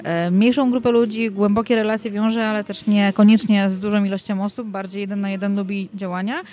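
A woman at a middle pitch hosts an interview, thinking aloud as she speaks. She pauses and restarts often while working through her points. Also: steady tone, warm tone. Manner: thoughtful, hesitant, many restarts. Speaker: host. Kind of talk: conversational interview.

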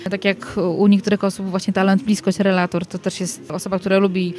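A woman's voice: medium pitch, little pitch movement, a little fast, darkish tone. A woman hosting a conversation, speaking thoughtfully and hesitantly with frequent restarts. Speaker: host. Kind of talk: conversational interview.

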